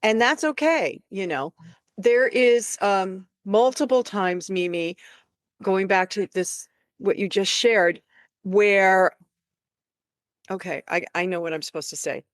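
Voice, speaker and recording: A woman's voice: medium pitch, takes it slowly, dry recording. A woman podcast host who affirms her guest and reflects thoughtfully on inner work. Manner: affirming, thoughtful, some restarts. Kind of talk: reflective conversational talk.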